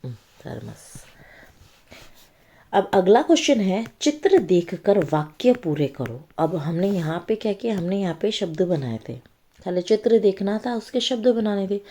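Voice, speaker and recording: A woman's voice: mid-range voice, lively intonation, dark tone. A woman teaching young children to read, talking patiently through a worksheet and checking in often with the listener. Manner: slow, patient explaining with frequent check-ins. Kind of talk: children's reading lesson.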